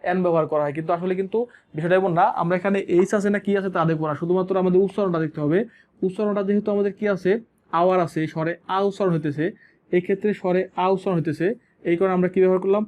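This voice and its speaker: A man from Bangladesh teaching English grammar, repeating sounds and words slowly and asking and answering his own questions. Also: high voice, a little mellow, lo-fi sound. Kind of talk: classroom lesson.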